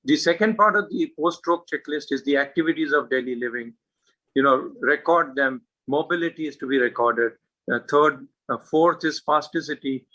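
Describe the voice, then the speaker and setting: A man's voice: fairly high pitch, moderate pace, sharp tone, low-quality recording. A man giving a medical lecture, earnest and emphatic, with frequent filler words and rhetorical questions. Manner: earnest, hesitant with frequent uh and you know fillers. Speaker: neurologist giving a talk.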